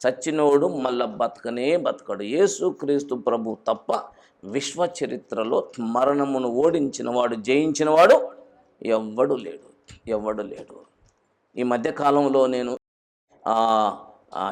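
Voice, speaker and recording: A man preaching a sermon, moving between loud urgent exhortation and low, intense warnings. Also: creaky. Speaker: pastor.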